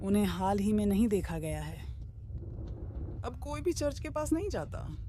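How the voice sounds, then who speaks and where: A woman voicing a kindly old woman in a game dub, calm and gently instructive. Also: medium pitch, moderate pace, slight background noise, lightly acted.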